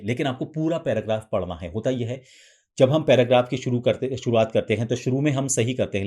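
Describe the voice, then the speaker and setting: A man coaching voice practice, explaining each step patiently and now and then demonstrating sample lines in a raised, softer pitch. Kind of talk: instructional explanation.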